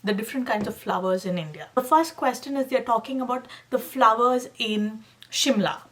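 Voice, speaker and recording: A woman's voice: fairly high pitch, moderate pace. Upbeat woman giving exam tips. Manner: animated, emphatic, keeps calling viewers guys and asking okay. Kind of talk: casual tutorial talk to camera.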